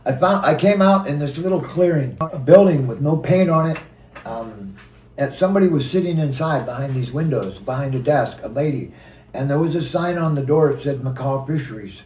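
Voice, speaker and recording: A man recounting a personal story in a halting way, with fillers and quoted dialogue. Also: fairly high pitch, expressive, a little mellow. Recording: roomy sound from a distant mic.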